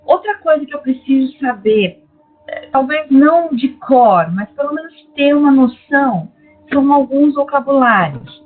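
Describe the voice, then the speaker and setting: A Brazilian woman teaching an online class, patiently explaining grammar and checking in with her students. Her voice sits fairly high and a little husky. The sound is tinny and phone-like, with faint music behind. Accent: Brazilian Portuguese. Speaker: Greek teacher. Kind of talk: online lecture.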